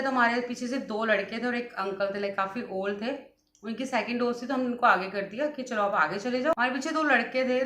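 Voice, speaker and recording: A woman's voice: on the high side, fairly bright tone. A young woman, chatting in a casual vlog while unwell after a vaccine, telling stories and mixing in English words. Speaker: vlogger. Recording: echoey room.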